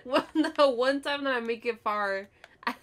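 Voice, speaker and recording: A woman's voice: on the high side, unhurried. A woman playing a co-op video game, chatting casually and laughing often. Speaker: gamer. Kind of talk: casual co-op gameplay chat.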